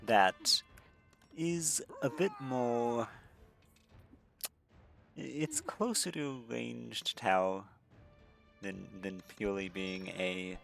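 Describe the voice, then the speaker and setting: A man's voice: mid-range voice, slow pace, gravelly, long pauses, fairly bright tone, soft background music. A man casually commenting on his own gameplay, rambling and correcting himself with lots of fillers. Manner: rambling, self-correcting, frequent fillers and restarts. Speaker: let's-play commentator.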